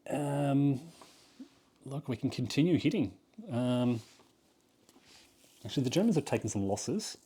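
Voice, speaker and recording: A man with an average-pitched, warm, husky voice narrates a solo board game playthrough, thinking aloud as he counts spaces and weighs moves. He's unhurried and lively in intonation, pausing often, with loose, conversational delivery full of ums and small self-corrections.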